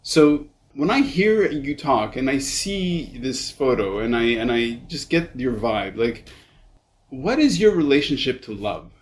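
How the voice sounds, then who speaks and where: A man in his fifties from Canada hosts a casual interview. He is effusive and quick to interject, speaking at a medium pitch. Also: sing-song. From Montreal, Canada. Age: 50s. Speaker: podcast host.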